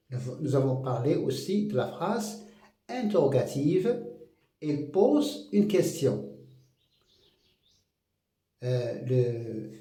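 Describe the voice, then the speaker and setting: Slow, patient male teacher in an echoey room. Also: fairly high pitch, mellow. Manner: slow, patient explaining with repetitions. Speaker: French teacher. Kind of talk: grammar lesson.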